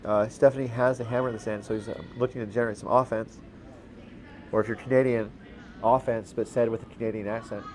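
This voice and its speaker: A man calling a curling game as commentator, relaxed and halting, with lots of fillers and restarts and the odd dry aside. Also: fairly low pitch, a little hiss or hum. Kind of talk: play-by-play commentary.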